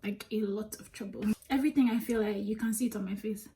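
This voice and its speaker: A young woman from Nigeria with a Nigerian accent, chatting candidly while doing her makeup, animated and quick to laugh. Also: mid-range voice, a little hiss or hum. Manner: candid, animated, laughs often, drops into whispers. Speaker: beauty vlogger. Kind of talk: chatty get-ready-with-me storytelling.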